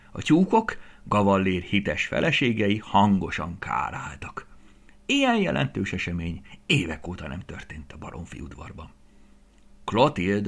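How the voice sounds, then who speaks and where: Man storyteller, low voice with a lively, up-and-down delivery, reading a children's tale. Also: slightly rough. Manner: expressive, dropping to soft whispers.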